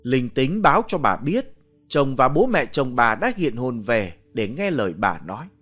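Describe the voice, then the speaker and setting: Male narrator for a ghost story, lively pitch, faint music behind. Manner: expressive, measured, atmospheric.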